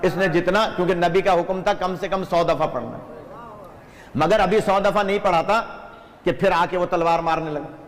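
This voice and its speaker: A man's voice: high voice, steady tone. A man preaching at a religious gathering, telling a story with animation and often blessing his listeners. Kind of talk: storytelling sermon. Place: gathering hall. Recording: echoey hall reverb.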